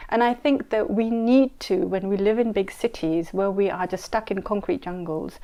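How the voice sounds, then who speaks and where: A middle-aged woman speaks in an interview, her voice sitting at an ordinary middle pitch. She is earnest and emphatic, and she repeats her key points for stress. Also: moderate pace, warm tone. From Saudi Arabia, raised in Kenya and London. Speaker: Islamic scholar and mediator. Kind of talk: interview answers.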